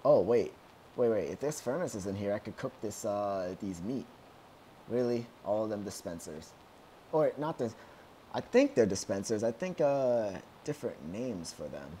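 A young man giving casual commentary on his own gameplay at home, excitable and yelling whenever things go wrong. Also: on the low side, normal speed, slight background noise. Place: at home, outside his room.

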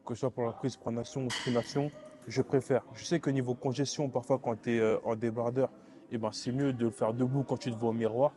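A young man filming a workout vlog in a gym, talking to the camera in quick, clipped bursts and stumbling over repeated words as he stutters. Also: mid-range voice, flat delivery. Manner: counts reps aloud while lifting, strained and breathy. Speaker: fitness vlogger. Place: gym, indoors.

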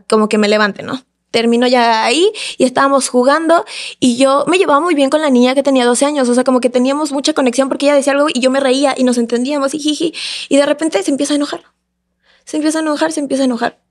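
A woman, a podcast guest telling a personal story in a casual, animated way and acting out the voices of the people in it. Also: high-pitched, fast talker. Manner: animated, acts out the voices of others in her story.

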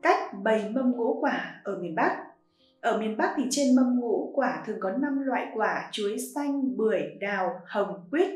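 A woman giving scripted narration in an even, listing tone. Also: fairly high pitch, a little slow. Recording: roomy echo with faint music.

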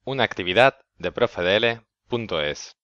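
A man's voice: fairly low pitch, expressive, normal speed, a bit bright, no room sound, lo-fi sound. A man giving a careful, word-by-word dictation for language learners, as a teacher. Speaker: Spanish teacher.

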